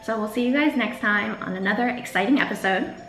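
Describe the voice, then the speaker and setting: A woman's voice: a little high, fast talker. A young adult woman chatting casually as a show co-host, telling personal stories in a giggly way and acting out what people said. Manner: animated retelling, acts out quoted dialogue, giggly. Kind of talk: casual chat, personal storytelling. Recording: echoey room, music underneath, clinking dishes.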